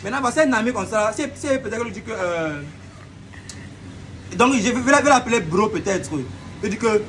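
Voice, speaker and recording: A man's voice: high voice, expressive, normal speed, background noise. Playful man acting out comic stutters. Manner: playful, acts out examples with stuttering. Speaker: comedy video host. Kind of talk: casual comic explainer.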